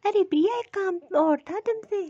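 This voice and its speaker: A lazy, scheming young daughter-in-law from a cartoon, voiced by a woman, sugary and sly as she dodges her chores. The voice is very high, and the recording sounds a bit dull and lo-fi. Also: moderate pace, mellow. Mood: sweet-talking.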